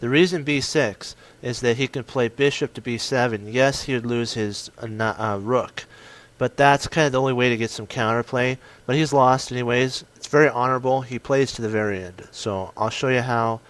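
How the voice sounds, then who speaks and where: A man walking through one of his own chess games, excitable and punchy, often stopping to correct himself. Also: mid-range voice, moderate pace. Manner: excitable, self-correcting, punchy short phrases. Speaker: chess commentator. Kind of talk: casual game commentary.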